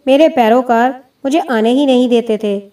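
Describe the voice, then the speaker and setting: A woman's voice: a little high, mellow, close to an everyday voice. A woman voicing a proud, boastful wandering male mystic, heard from a distant mic.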